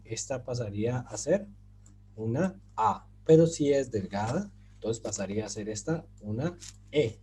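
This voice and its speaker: A man's voice: medium pitch, mellow, slight background noise. A man giving an online grammar lesson, explaining patiently with many fillers and asking his students if they follow. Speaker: Turkish teacher.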